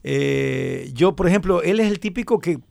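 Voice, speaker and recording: Gravelly emphatic Ecuadorian man. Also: fairly high pitch, normal speed, dry recording. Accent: Ecuadorian Spanish. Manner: animated storyteller, emphatic. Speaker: sports show host. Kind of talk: casual panel debate.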